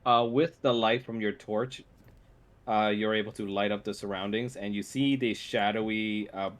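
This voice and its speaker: A man narrating a tabletop role-playing game as game master in an informal, halting way. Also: on the low side.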